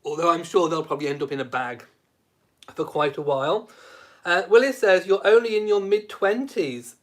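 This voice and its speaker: Reading viewer comments aloud on a casual live stream, a late-30s host jokes in a cheeky, camp, self-mocking way and laughs often. His voice is a little high, with a fairly bright tone.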